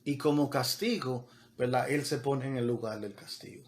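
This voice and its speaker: A man's voice: medium pitch, normal speed, a little hiss or hum. A man preaching a sermon as pastor, talking conversationally with repeated words and building to emphatic peaks, mixing in English words.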